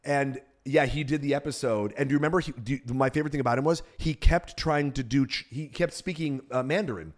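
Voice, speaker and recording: Man, podcast host, dry teasing banter, medium pitch. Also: quick pace, hardly any pauses. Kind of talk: casual comedic chat.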